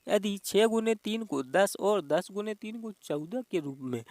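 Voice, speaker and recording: A man's voice: sits high, expressive, a little slow, a little mellow, no room sound, studio quality. A man teaching an exam-prep reasoning lesson. He talks in a repetitive, coaxing way and keeps addressing the viewers as dear friends.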